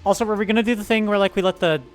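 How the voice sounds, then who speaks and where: A man's voice: high voice, fairly even intonation, racing, faint music behind. A playful man chatting and laughing as a streamer while they read a game together. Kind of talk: casual chat while reading a game together.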